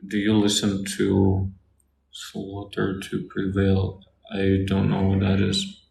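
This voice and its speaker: A man from Russia, a native Russian speaker, working as a Russian tutor and calmly reading out and answering viewer questions. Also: sits low, gravelly. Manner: calm, unhurried explanations. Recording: echoey room, faint noise.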